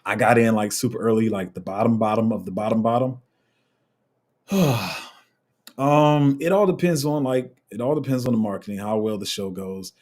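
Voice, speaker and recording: A man hosting a crypto livestream, casually reading out viewer comments in a relaxed, rambling way with lots of fillers. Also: on the low side, moderate pace.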